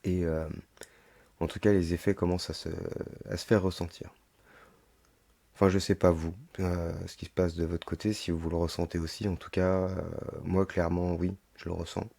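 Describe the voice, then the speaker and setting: A man's voice: deep voice, little pitch movement, moderate pace, creaky, mellow. A man hosting a solo podcast, reading aloud and commenting with rhetorical asides, his throat sounding sore and swollen, as with tonsillitis. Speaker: podcast host. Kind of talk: monologue reading a text aloud with running commentary.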